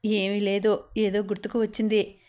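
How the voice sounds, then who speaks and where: A woman reading the part of a calm, sensible young woman giving measured, gently firm advice, in an audiobook. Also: medium pitch, lightly acted. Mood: composed.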